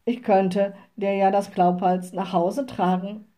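A woman voicing a short-tempered male forest ranger who snaps and blusters loudly. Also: medium pitch, level tone, slow, close to an everyday voice. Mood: forced polite.

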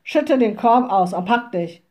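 A woman voicing a short-tempered male forest ranger who snaps and blusters loudly. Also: mid-range voice, measured pace, natural voice. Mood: angry gruff.

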